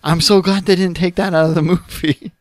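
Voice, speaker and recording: A man's voice: high-pitched, steady tone, no room sound, clean studio sound. Jokey male podcast co-host. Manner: jokey, quick riffs, frequent laughs. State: tired. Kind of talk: casual chat.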